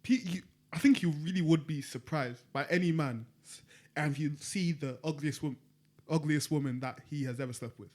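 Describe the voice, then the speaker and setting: A man's voice: a little high, moderate pace, darkish tone. A young man co-hosting a podcast, hedging his points and repeating himself as he explains. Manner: hedging, repeats "I'm not gonna lie". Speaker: podcast co-host. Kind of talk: casual group chat.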